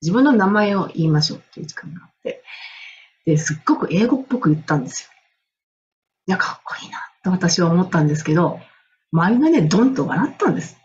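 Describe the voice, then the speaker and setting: A woman's voice: lowish voice, big pitch swings, fast talker, darkish tone, lo-fi sound, slight background noise. A middle-aged woman from Japan, an English and music coach, telling a personal story in a casual, enthusiastic monologue and laughing often.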